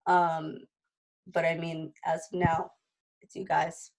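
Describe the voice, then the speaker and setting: A woman's voice: sits low, monotone, slow, rough recording. A woman in her twenties chatting casually in a group introduction, with a speech impediment that makes her say w for r and a chatty, like-peppered way of talking. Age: 20s. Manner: chatty, frequent "like". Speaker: physical therapy student.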